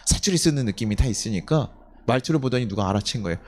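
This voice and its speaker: A man's voice: mid-range voice, lively intonation, fast talker. A male pastor preaching a sermon in a church, telling a story and often asking the congregation questions, sometimes acting out the voices in it. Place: church sanctuary.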